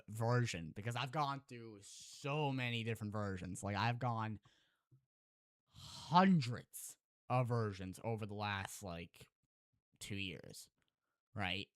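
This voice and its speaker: A man's voice: medium pitch, clear, resonant tone, no echo, studio quality. A man, a Minecraft YouTuber, earnestly telling an emotional story and then chatting casually with his viewers. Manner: earnest, heartfelt, slows down and softens at emotional moments; addresses the audience directly as "chat", with fillers and restarts.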